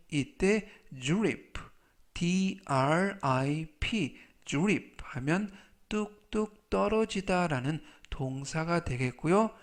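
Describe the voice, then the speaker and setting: Slow, careful man teaching vocabulary. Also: fairly high pitch. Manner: spells words out and repeats pronunciations. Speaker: English teacher.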